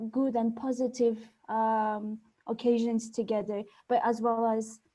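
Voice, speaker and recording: Brief: female panelist from Armenia, flat delivery, careful and hesitant. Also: on the high side, rough recording. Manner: careful, searching for words. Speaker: panelist, conflict-transformation worker. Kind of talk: panel discussion.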